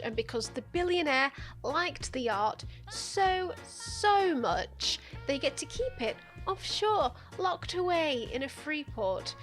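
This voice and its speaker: A woman's voice: high-pitched, fairly bright tone. Sarcastic woman narrating a video essay. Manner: sarcastic, profane, playful. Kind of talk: scripted sardonic narration.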